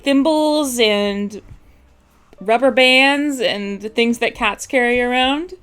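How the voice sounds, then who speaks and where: A woman improvising a sleazy, smooth-talking alley cat pushing a shady deal. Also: slow pace, fairly bright tone, faint music behind. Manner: sly, sleazy pitch. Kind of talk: improv comedy scene.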